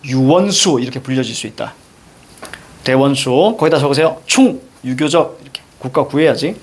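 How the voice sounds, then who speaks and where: A male teacher giving a brisk literature lecture, directing students and firing quick questions at them. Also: medium pitch, expressive, slight background noise. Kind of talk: classroom lecture.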